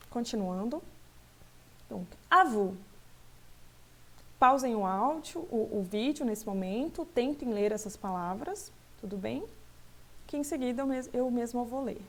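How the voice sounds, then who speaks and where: Woman teacher, fairly high voice, patient, repeats each word, checks understanding. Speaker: French teacher. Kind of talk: French pronunciation lesson.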